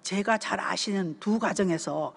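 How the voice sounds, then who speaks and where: A woman's voice: medium pitch, unhurried, vocal fry, breathy edge. Older Gyeongsang woman speaking in a hall. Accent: Gyeongsang Korean. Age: 70s. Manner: storytelling, often checks in with the audience. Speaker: church deaconess giving a family seminar talk. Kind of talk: conversational sermon talk.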